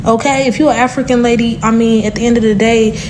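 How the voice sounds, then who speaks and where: A woman's voice: a little high, fairly even intonation, quick pace, a little mellow, poor audio. A woman giving blunt, opinionated talk full of rhetorical questions. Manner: blunt, rhetorical, repeats "okay". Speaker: commenter in a stitched clip. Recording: clip with clear background noise.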